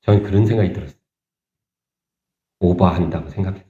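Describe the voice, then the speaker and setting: Pastor guy giving a sermon, chatty, lots of questions to the crowd, warm low-ish tone, echoey and a bit muffled. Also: fast. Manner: conversational preaching with rhetorical questions to the congregation; animated, rising sharply when voicing indignation. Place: church sanctuary.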